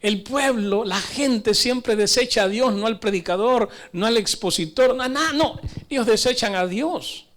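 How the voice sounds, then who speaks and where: A man's voice: very high-pitched, moderate pace, a bit bright. A man preaching a sermon, emphatic and exhorting, often asking the congregation questions.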